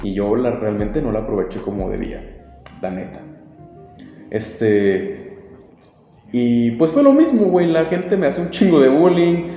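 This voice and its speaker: A man's voice: medium pitch, animated, a little slow, long pauses, dark tone. A man with a Mexican accent telling a story on his podcast in a casual, slangy, laid-back way, swearing freely. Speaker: podcast host. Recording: very echoey room, long reverb, faint music.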